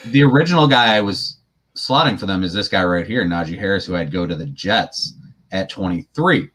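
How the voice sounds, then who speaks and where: A man co-hosting a sports podcast, chatting casually and giving opinionated, animated takes. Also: sits low, fairly quick. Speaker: podcast co-host.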